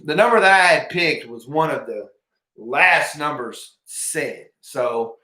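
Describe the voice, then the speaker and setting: Male livestream host, slightly high and bright, casual and repetitive, recorded in a roomy space. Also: lively intonation, takes it slowly. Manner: informal, repeats himself, often addresses viewers as guys. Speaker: livestream host of a fishing giveaway. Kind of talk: casual live chat with viewers. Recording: roomy, echoing room sound.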